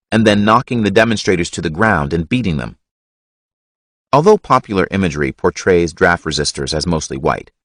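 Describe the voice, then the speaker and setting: A man reading a history audiobook in a measured, expressive narration. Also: lowish voice, no echo, clean studio sound.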